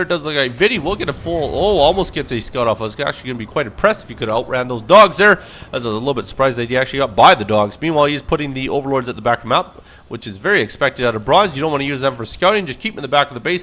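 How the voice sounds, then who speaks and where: A man's voice: medium pitch, a bit bright. A man casting a video game replay with play-by-play commentary, casual and joking. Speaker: game caster.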